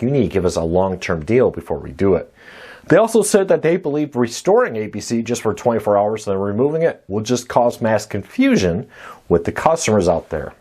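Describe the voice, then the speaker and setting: A man hosting a news roundup show, talking in a brisk, conversational way, his voice still weak after a cold. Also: mid-range voice, a little mellow, slightly rough. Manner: brisk, conversational delivery with rising emphasis. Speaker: host.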